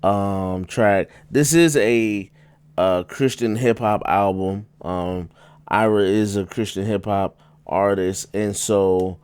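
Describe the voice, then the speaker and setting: A man giving a casual spoken album review, rambling with many fillers and restarts, and jumping up in pitch for emphasis. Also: takes it slowly, a little mellow, smooth, no room sound.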